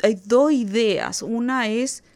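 A woman's voice: a little high, slow pace, darkish tone, no echo. A Chilean woman in her sixties with a Chilean accent, speaking as a guest commentator in an earnest, reflective radio conversation.

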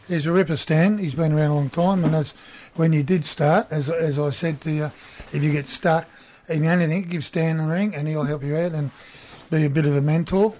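A man's voice: on the high side, steady tone, moderate pace, few pauses, a little mellow, slight background noise. A middle-aged Australian man chatting casually in a wry, matey tradesman's manner. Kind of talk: casual chat.

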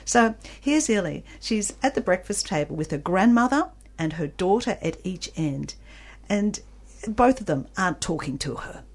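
A woman's voice: medium pitch, big pitch swings, moderate pace. A woman discussing a novel with its author as a radio book reviewer, talking with enthusiasm and frequent restarts.

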